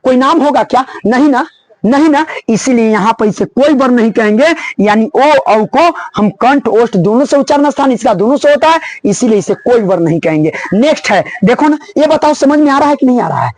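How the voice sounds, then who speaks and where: A man teaching grammar for board exams, repeating each point and urging students on loudly. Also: very high-pitched, animated, fairly quick, low-quality recording. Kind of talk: board-exam lesson.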